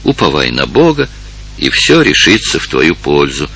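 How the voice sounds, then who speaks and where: A man voicing a calm and firm old village elder in an audiobook. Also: moderate pace, gravelly, husky, exaggerated voice. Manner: calm, firm, low and steady.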